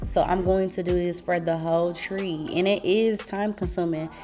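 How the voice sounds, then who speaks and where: A woman with a fairly low voice vlogs from her apartment living room, talking casually and sassily to her viewers as she works. Soft music plays behind her. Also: steady tone, moderate pace. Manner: chatty, sassy, slangy asides to viewers. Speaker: vlogger. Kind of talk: casual home vlog, tutorial.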